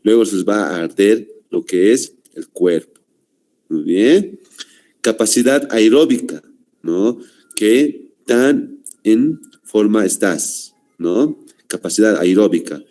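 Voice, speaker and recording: A man with a Bolivian Spanish accent lecturing a class, halting with fillers and constant "¿no?" tags. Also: on the low side, expressive, warm tone. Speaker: teacher.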